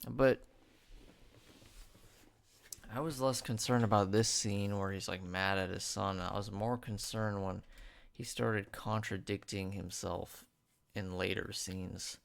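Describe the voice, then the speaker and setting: Speaking slowly with long pauses, a young radio host in the studio offers a rambling spoken film review, peppered with "like" and verbal stumbles as he talks around a retainer. His tone is steady and lowish, marked by vocal fry.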